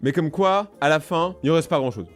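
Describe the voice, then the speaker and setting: A young man joking his way through casual reaction commentary, excitable and hopping from one topic to the next. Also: fairly high pitch, moderate pace, faint music behind. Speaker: YouTuber reacting to videos.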